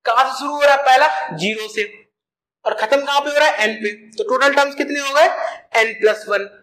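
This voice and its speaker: A man's voice: very high-pitched, fairly quick, pushed and bright, echoey room, rough recording. A man teaching a math lesson, explaining step by step and asking and answering his own questions.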